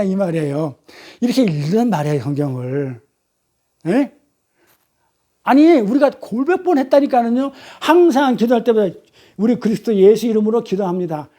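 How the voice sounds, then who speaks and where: A man's voice: high-pitched, mellow. A man teaching a Bible study sermon, questioning his class and repeating key phrases.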